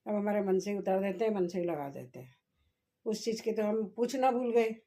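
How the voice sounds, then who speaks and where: A woman's voice: medium pitch, brisk, dark tone. A woman vlogging at home in a casual chat, talking straight to her viewers and musing aloud. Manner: chatty, talks straight to viewers, muses aloud.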